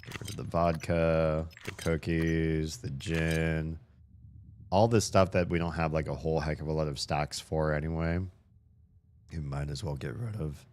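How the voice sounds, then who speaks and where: With a dark-toned bass voice held level at a moderate pace, a game streamer delivers casual let's-play commentary over slight background noise. He rambles and thinks out loud, swearing and laughing as he plays, and his voice is a bit worn, slightly going.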